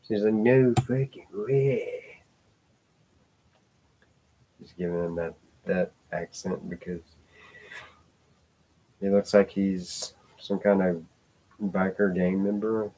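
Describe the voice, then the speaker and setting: Low-voiced man rambling casually. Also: level tone, a little slow, pauses often, dark tone. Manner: rambling, hesitant, with many fillers and restarts; swears casually. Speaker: vlogger. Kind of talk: casual rambling vlog talk.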